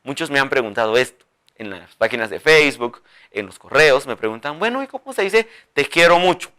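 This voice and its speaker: Lively man teaching a language. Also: medium pitch, clear, resonant tone. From Guatemala. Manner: drills words slowly, coaxing viewers to repeat aloud. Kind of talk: televised language lesson.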